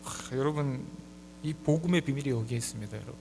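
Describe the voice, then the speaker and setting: A man in his forties preaching a sermon as pastor, swinging from soft, low asides to loud, high, emphatic appeals. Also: fast, creaky. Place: church sanctuary. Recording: hall reverb with faint mains hum.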